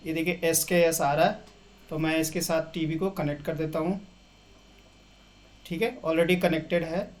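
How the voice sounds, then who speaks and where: A young man with a slightly high voice and a steady tone hosts a casual screen-share tech tutorial, speaking a little slowly and pausing often. He walks viewers through settings step by step, dropping English terms into his explanations.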